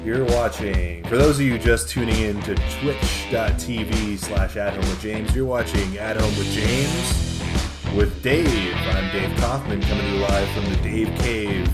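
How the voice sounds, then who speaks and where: Smooth radio-host patter from a low-voiced man. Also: unhurried, over loud music. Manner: playful, mock-announcer delivery with jokey asides. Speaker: host of a live call-in show. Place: home basement studio.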